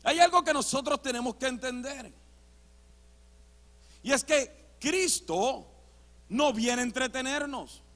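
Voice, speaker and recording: A man, a pastor, preaching a sermon with personal testimony in a church, emphatic and shifting between loud and hushed delivery. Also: very high-pitched, slow, pauses often. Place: church sanctuary. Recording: reverberant church hall.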